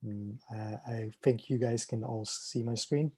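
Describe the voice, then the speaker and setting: Casual male moderator, warm mellow tone, dry close audio. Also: mid-range voice, steady tone, unhurried, slightly rough, no echo. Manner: casual, accommodating. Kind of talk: online panel discussion. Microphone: video call.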